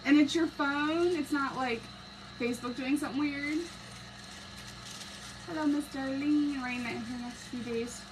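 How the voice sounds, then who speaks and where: A Texan crafter hosts a live stream, chatting casually while she paints and reading the live chat. Her voice is high and unhurried with long pauses, and she laughs often, greets viewers by name, and has a noisy hiss behind her.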